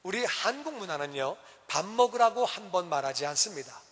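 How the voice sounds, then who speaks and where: High, lively Korean pastor preaching. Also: male voice, brisk. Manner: animated, acts out parents shouting at children. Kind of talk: sermon. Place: church sanctuary. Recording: church hall reverb.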